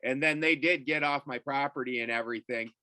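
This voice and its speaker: Middle-aged male podcast guest, animated and profane, bright tense tone. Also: mid-range voice, a little fast, smooth, dry recording. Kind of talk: casual storytelling.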